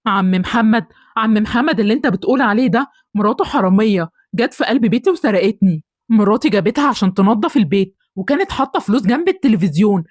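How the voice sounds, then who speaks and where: A woman with an Egyptian accent voicing an angry middle-aged man who is a bullying neighbor in an animated story, scornful and threatening. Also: medium pitch, breathy edge, dry recording, clean studio sound. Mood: furious. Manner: shouting threats, fast and scornful.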